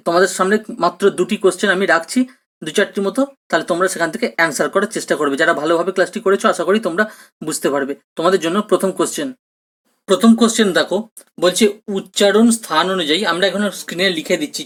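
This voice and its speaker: Exam-prep teacher, mid-pitched voice, explanatory, repeats questions, mixes in English terms. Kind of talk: recorded online grammar lesson.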